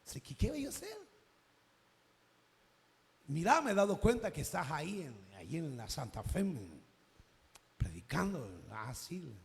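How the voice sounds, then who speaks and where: A Salvadoran man preaching a sermon, telling a personal story and acting out its conversations, now and then rising to a shout. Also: on the high side, sing-song, measured pace, gravelly, pauses often, long reverb tail.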